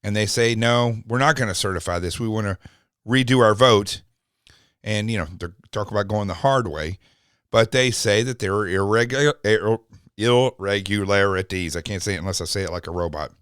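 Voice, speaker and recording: A man's voice: fairly low pitch, brisk, a bit bright, clean tone, no room sound, studio quality. A man hosting a podcast, talking in an indignant, mocking, rambling way about a news clip. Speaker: podcast host. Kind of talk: opinionated commentary.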